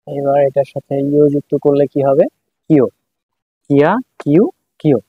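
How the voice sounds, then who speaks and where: A man's voice: fairly high pitch, little pitch movement, moderate pace, breathy edge, dry recording, phone-quality sound. A man teaching a writing lesson, patiently repeating syllables one by one as he writes. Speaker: language teacher.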